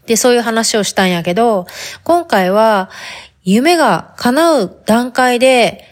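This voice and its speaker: A woman's voice: fairly high pitch, expressive, measured pace. A woman hosting a podcast in a chatty, casual monologue with a Hakata dialect, talking straight to the listener. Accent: Hakata dialect Japanese. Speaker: podcast host.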